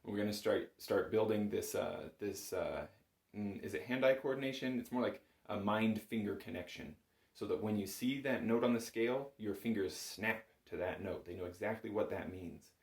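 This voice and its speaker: A male bagpipe instructor, his voice on the low side and his speed normal, leads a patient, encouraging lesson and explains each step conversationally. It's recorded indoors in a small home music room with a roomy echo.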